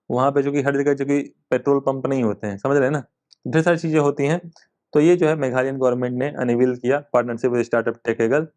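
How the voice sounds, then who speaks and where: A man's voice: mid-range voice, darkish tone. A man teaching an exam coaching class in a casual, conversational way, often repeating himself and using fillers. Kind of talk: casual Hindi lecture with English terms.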